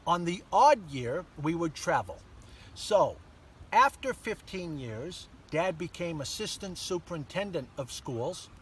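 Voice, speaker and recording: An older man with a slightly high voice tells stories of his childhood at an easy, measured pace, pausing often. He was recorded outdoors in a sunny park by a camera mic at some distance, with faint background noise. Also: expressive, fairly bright tone. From born in Germany to American parents. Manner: measured storytelling with many pauses and fillers. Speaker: interview guest. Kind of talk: casual interview.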